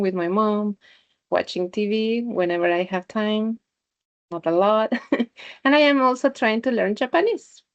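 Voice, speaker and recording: A woman's voice: medium pitch, no room sound, muffled recording. A woman from Mexico City, a science outreach coordinator, giving a friendly short self-introduction. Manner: friendly, light laugh.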